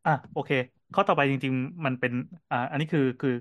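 A man co-hosting a casual podcast, telling cafe stories in a quick, animated way with lots of fillers. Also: fairly high pitch, no room sound, clean studio sound. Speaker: podcast co-host and cafe owner.

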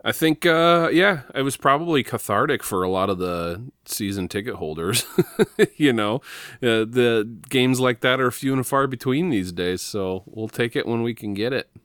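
A man co-hosting a casual sports fan podcast, talking in a relaxed, halting way with plenty of fillers. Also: medium pitch, clear, resonant tone, dry recording, clean studio sound. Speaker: podcast co-host.

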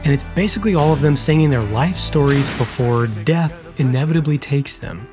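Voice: mid-range voice, a little fast, over music. Co-host reading a wry film recap. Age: 30s. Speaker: podcast co-host. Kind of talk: scripted narration mixed with casual chat.

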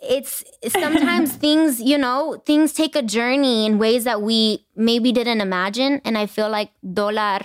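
A young woman hosting a podcast, chatting casually and gushing with warmth, slipping in Spanish phrases. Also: on the high side, measured pace, hardly any pauses, no echo, clean studio sound. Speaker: podcast host. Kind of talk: casual chat.

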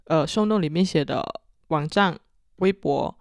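A woman's voice: deep voice, measured pace, no room sound. A woman co-hosts a podcast in casual conversation. Her Mandarin carries a Teochew accent from Chaoshan. The recording is close and dry. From Chaoshan, Guangdong, China. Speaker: podcast co-host.

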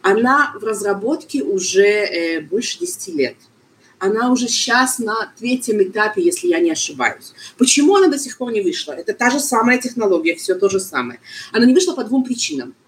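A woman's voice: medium pitch, sing-song, rough recording. Woman, explaining stuff in an interview, keeps searching for words, bit of background noise. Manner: halting, searches for words, mixes in foreign terms. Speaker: medical expert guest being interviewed.

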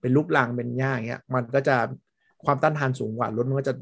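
A man chatting casually on a podcast, rambling through his points with loose fillers and frequent laughs. His voice sits at an ordinary pitch and sounds close and dry, with no room around it. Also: steady tone, fast, gravelly, no room sound. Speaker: podcast co-host. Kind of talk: casual chat.

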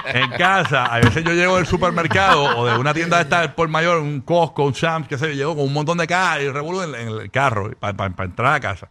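A man's voice: on the high side, fairly quick, few pauses, pushed and bright, slight background noise. A man hosting a morning radio show, telling joking stories. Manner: joking storyteller, laughs at his own stories. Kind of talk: casual radio banter.

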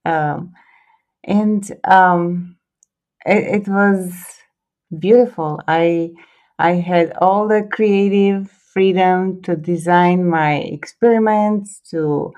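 A woman's voice: fairly low pitch, drawn-out words, a little mellow, highs cut off. A woman with a Croatian accent, a guest in a podcast interview, speaking hesitantly with many fillers and restarts. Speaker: guest photographer.

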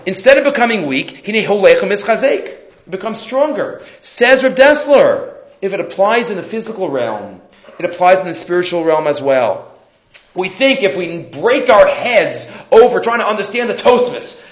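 A man with giving an animated religious lesson as a rabbi, emphatic, repeating phrases and answering his own questions. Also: sits high. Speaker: rabbi teaching a Torah class. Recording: echoey room, dull muffled sound.

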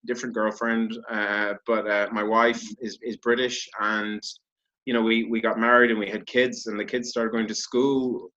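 Irish man on a bright, dull-sounding call. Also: mid-range voice. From Ireland. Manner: chatty, self-correcting, laughs easily. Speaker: guest, author. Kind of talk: casual interview chat. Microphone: video call. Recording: dull lo-fi video call audio.

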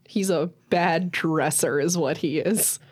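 A woman's voice: deep voice, slow, a little mellow, husky. A woman narrating as game master of a tabletop game, playful and teasing.

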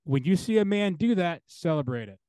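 A man's voice: high-pitched, expressive, fairly quick, warm tone, no echo. A man speaking as an interview guest and theologian, talking earnestly and building his points through repeated parallel phrases.

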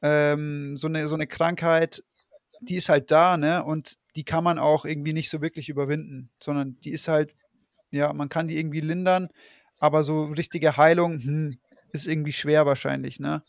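Man, casual podcast host, rambling, fillers, fairly high pitch, dry sound. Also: little pitch movement, moderate pace, vocal fry, no room sound. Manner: rambling, frequent fillers and restarts. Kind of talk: casual conversation.

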